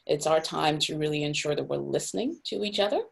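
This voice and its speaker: A low-pitched woman with a heavily gravelly, husky voice, from Cameroon, speaking on a video call. She is a young nonprofit director who talks thoughtfully, pausing with fillers and restarting her sentences. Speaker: executive director of a housing nonprofit.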